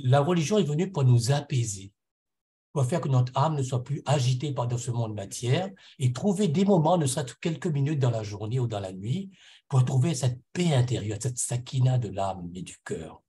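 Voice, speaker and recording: Warm-toned and lively in intonation, a middle-aged Réunion islander at a conference shares his spiritual testimony at a moderate pace in a medium-pitched voice. As a panel speaker he sounds earnest and reflective, frequently groping for words and going back over things.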